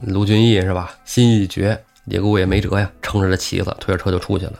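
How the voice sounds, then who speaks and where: Man, podcast storyteller, colloquial, lively, low voice, faint music. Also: fast, creaky. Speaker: podcast co-host. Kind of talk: retelling a classic novel.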